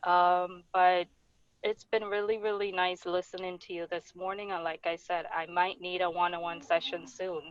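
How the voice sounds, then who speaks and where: A woman's voice: on the low side, flat delivery, moderate pace, smooth, no room sound. Woman on a car speakerphone, muffled dry phone line, chatty and open. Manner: chatty, open and grateful, with small laughs and restarts. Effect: speaking over a phone from a moving car. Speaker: webinar participant. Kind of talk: casual chat. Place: in a car, driving.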